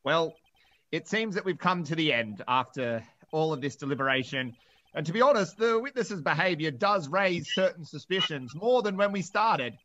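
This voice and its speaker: Man doing a bumbling pompous judge, high bright voice. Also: expressive, moderate pace, highs cut off. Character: fussy confused old male judge. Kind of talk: casual fan read-through of a game script.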